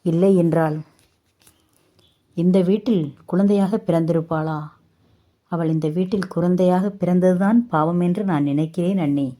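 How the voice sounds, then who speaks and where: A woman voicing a kind younger sister-in-law in a spoken story, speaking in a gentle, pleading way. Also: fairly low pitch, steady tone, moderate pace, pauses often, close to an everyday voice.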